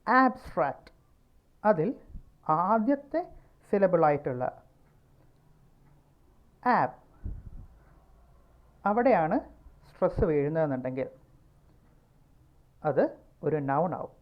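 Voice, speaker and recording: Slowly repeating words to mark their stress, a Malayali-accented woman teaches pronunciation. She has a low voice with lively intonation, and the recording's high frequencies are cut off.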